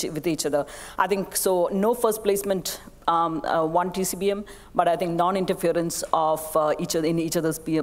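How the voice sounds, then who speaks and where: A middle-aged woman answers on a conference stage in a low-pitched voice, weighing her words with frequent pauses and fillers. The sound carries a long hall reverb. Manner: measured, hesitant with many fillers. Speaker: panelist. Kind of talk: conference panel discussion.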